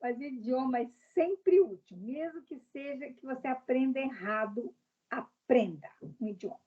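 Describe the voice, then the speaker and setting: Brazilian-born woman guest, kinda husky, high-ish voice, blunt and opinionated, muffled lo-fi sound. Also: normal speed. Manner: direct, opinionated, explains with examples. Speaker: interview guest. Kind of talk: casual video interview.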